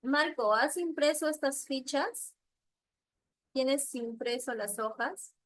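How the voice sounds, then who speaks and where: A woman teacher leading an online class, patiently asking questions and repeating answers slowly over a video call. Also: high voice, a bit bright, no room sound, rough recording.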